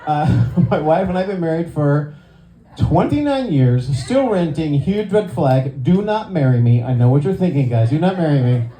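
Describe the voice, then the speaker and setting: A man in his sixties doing a stand-up comedy set, self-deprecating and quick with punchlines, slipping into voices for his friends. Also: on the high side, animated, mellow. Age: 60s. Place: club stage before a live audience. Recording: echoey room, faint crowd ambience.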